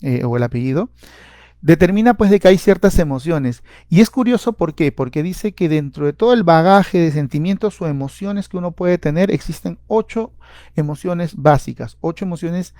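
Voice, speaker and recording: A man's voice: on the high side, animated, moderate pace, mellow, no room sound. A man, a psychologist giving a seminar lecture, explaining step by step with frequent "eh" fillers and repeated words. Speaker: clinical psychologist and seminar speaker.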